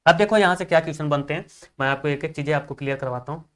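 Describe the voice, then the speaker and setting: A man's voice: a little high, racing, a bit bright. A man teaches an exam-prep class over a screen recording, recorded close to the mic. He keeps asking his own questions and then answering them. He repeats each point again and again. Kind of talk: online exam-prep lesson.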